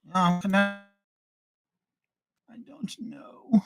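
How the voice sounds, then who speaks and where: A man's voice: high-pitched, drawn-out words, gravelly, fairly bright tone, soft background music. A man hosting a casual livestream morning show, greeting viewers by name with the same welcome each time, over a choppy connection that cuts out mid-word. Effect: choppy internet audio that cuts out mid-word. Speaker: host.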